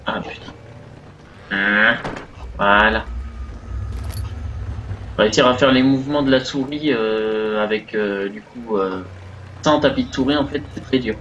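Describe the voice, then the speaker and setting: A gaming streamer gives casual live let's-play commentary on a horror game, thinking aloud with many fillers. His voice is fairly low yet a bit bright, unhurried, with frequent pauses. Recorded from a distance, the audio is dull with slight background noise.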